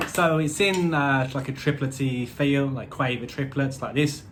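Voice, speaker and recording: A man talks through an album review in a casual, rambling way, with dry jokes at his own expense and plenty of musician's jargon. His voice sits at an ordinary middle pitch, with a faint hum of noise behind it. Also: measured pace. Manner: chatty, rambling, wry asides; uses musician's terms.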